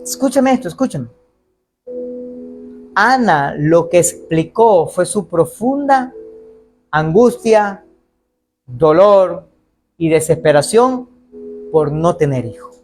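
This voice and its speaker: High-voiced preaching pastor, man. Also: takes it slowly, long pauses, faint music behind. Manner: animated preaching, acts out quoted voices. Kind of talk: sermon. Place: church.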